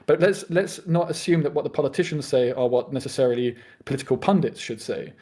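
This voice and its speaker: British guy in a debate, talks quick, keeps restarting himself. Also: medium pitch, dark tone. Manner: fast and earnest, with frequent restarts. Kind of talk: debate argument.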